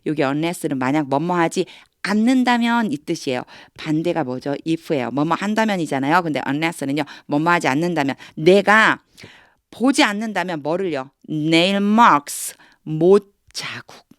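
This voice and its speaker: A woman's voice: deep voice, expressive, measured pace, no echo, clean studio sound. A woman teaching English through Bible reading, explaining each phrase patiently and repeating words to drill pronunciation.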